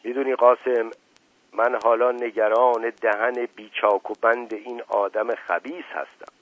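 A pompous, suspicious old uncle, quick to snap, as a male narrator puts him on. His husky voice comes through a dry, tinny radio recording. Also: medium pitch, flat delivery, dry recording, natural voice. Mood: worried. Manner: angry, forceful, impatient. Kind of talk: audiobook reading.

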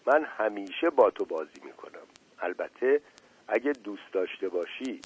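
A man voicing a small, wounded female sparrow in a storybook reading, speaking softly and gratefully. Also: lowish voice, animated, husky, low-quality recording. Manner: soft, warm, grateful. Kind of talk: storybook character voice.

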